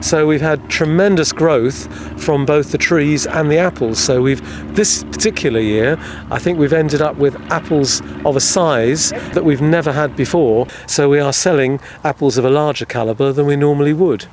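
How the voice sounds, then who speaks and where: A man, an organic apple grower, explaining his farm in a calm, measured way in a radio news interview outdoors. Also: a little high, noisy background.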